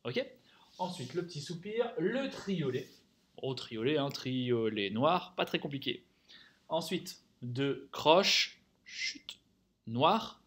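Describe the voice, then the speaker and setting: A man's voice: fairly high pitch, expressive, slow, a bit bright. A man teaching a music theory lesson, counting rhythms aloud, singing note names and checking in often with the class.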